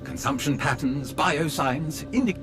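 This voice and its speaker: A man's voice: fairly high pitch, lively intonation, a little slow. A man voicing a polite, fawning male butler robot who is formal and obsequious and calls his master sir, in video game dialogue. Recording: game audio with background music.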